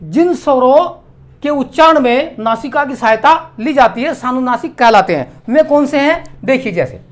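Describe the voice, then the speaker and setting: A man teaching a grammar lesson, slowly spelling out and repeating each vowel sound. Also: extremely high pitch, lively intonation.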